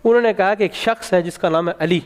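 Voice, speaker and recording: A man tells a religious tale in a high, ringing voice, lifting his pitch on the key moments. His words trail into a long hall reverb. He sounds like a studio preacher setting out a story for viewers. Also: smooth. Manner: emphatic, rising for key points. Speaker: religious speaker on a Ramzan show. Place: TV studio set.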